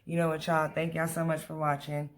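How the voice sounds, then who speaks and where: A man's voice: a little high, completely flat delivery, brisk. An American man talking casually and at rambling length to viewers, venting in a storytime vlog. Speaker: vlogger. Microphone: camera on a tripod.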